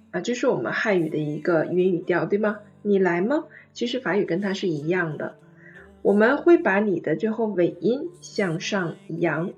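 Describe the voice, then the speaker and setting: A woman's voice: mid-range voice, a little mellow, lo-fi sound. Patient woman teaching French intonation. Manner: patient, explains step by step, models phrases slowly. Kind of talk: online language lesson.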